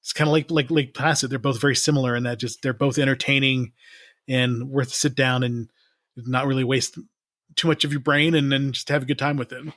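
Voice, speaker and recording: Laughing, rambling podcast host. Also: male voice, medium pitch, little pitch movement, brisk, a bit bright, no room sound, clean studio sound. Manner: rambling, laughs often, many restarts. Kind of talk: casual chat.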